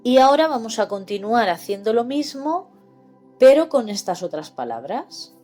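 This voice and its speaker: A woman with a Spanish accent from Spain teaching a slow, patient literacy lesson, spelling words out syllable by syllable. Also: fairly high pitch, sing-song, dark tone, soft background music. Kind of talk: explaining grammar lesson.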